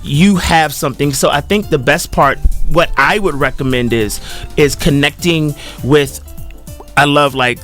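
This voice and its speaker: A man's voice: on the high side, measured pace, fairly bright tone, soft background music. A man speaking as a guest in an interview, joking and playful while he talks about talent and casting. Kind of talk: casual interview talk.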